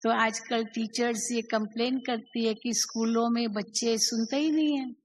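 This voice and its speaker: A woman's voice: a little high, fairly even intonation, measured pace, slight background noise, poor audio. A woman teaching a spiritual class, asking her listeners many questions and acting out the quoted speech.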